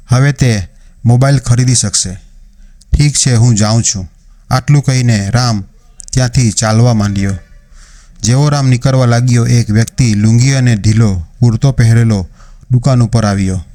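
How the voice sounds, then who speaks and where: A man tells a moral story in a calm, even storytelling way, and he speaks the characters' dialogue himself. His voice sits at a middling pitch with a dark, mellow tone. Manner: steady storytelling, voicing characters' quoted lines. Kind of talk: scripted narration of a moral story.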